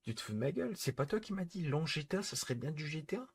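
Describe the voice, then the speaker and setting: A man's voice: on the high side, expressive, quick pace, creaky, darkish tone, breathy edge. A man streaming live, scolding his chat in an exasperated, repetitive rant.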